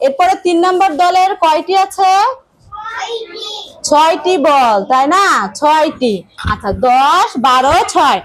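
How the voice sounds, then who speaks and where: A woman's voice: sits high, slow pace, long pauses. A woman from Bangladesh teaching young children in a classroom, patiently repeating instructions and asking questions. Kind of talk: classroom lesson for small children.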